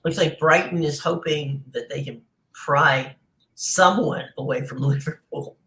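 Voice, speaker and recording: A man's voice: on the high side, unhurried, pushed and bright, low-quality recording. A man hosting a casual sports talk show, rambling with many fillers.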